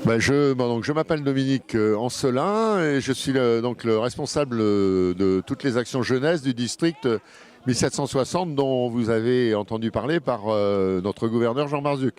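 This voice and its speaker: A man's voice: mid-range voice, darkish tone, clear, resonant tone. Hesitant man speaking outdoors. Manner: hesitant, many filler pauses. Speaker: district youth program head. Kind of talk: interview statement.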